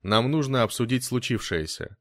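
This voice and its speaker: A man voicing a gruff, blunt, hot-tempered Scottish man in an audiobook, talking curtly and snapping. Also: medium pitch, animated, normal speed, a bit bright, no echo, studio quality, lightly acted. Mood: angry.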